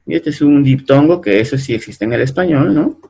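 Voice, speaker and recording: A man's voice: medium pitch, animated, creaky, mellow, husky. A man teaching French pronunciation in a lesson, patient and repetitive, often checking in with the learners. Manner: patient, repeats words slowly, ends sentences with "¿no?" and "¿bien?". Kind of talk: explaining French pronunciation to Spanish speakers.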